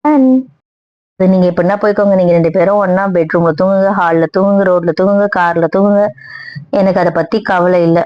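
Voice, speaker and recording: A woman's voice: fairly low pitch, no echo, close to an everyday voice. A woman voicing an indignant young wife who argues and scolds, in an amateur audio drama with a dull, dry recording. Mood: cold. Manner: scolding, argumentative.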